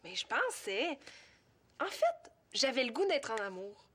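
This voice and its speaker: A woman's voice: sits high, wildly swooping pitch, measured pace, fairly bright tone, a little hiss or hum, exaggerated voice. An actress with a Quebec French accent playing a wry, self-mocking teenage girl in a TV series. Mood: puzzled. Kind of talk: TV series acting.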